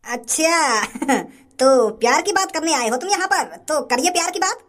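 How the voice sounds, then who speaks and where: A woman's voice: very high voice, lively intonation, moderate pace, fairly bright tone. A woman voicing a stern, short-tempered middle-aged father in a comedy sketch, mocking and threatening in rustic speech. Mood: impatient.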